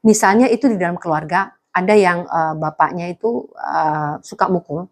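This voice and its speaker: A woman pastor preaching to students, lively, with jokes and small acted dialogues. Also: lowish voice, moderate pace. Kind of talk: sermon to students.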